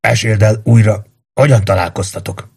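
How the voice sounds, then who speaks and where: A man voicing a gentle, fatherly old warrior in an audiobook, calm and soothing. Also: on the low side, slightly rough.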